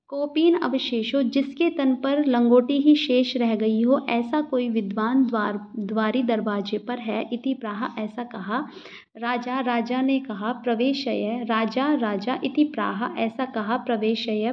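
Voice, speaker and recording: Slow, patient woman teacher, dull recording. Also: on the high side. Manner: slow, repeats each phrase then translates. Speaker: Sanskrit teacher. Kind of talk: line-by-line Sanskrit explanation in Hindi.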